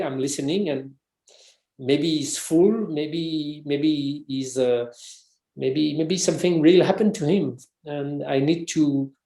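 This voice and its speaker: In a roomy-sounding, poor-quality recording, a French man speaks English with a French accent in a dark voice on the high side. He's an interview guest, a researcher and author, talking casually but hesitantly and often restarting.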